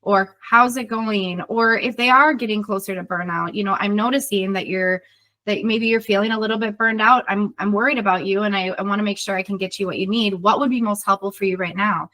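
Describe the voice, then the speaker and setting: A middle-aged woman, a leadership consultant and podcast co-host, is being interviewed in a conversational setting. Her medium-pitched voice is steady and sharp, and she speaks fairly quickly, explaining earnestly with everyday example questions.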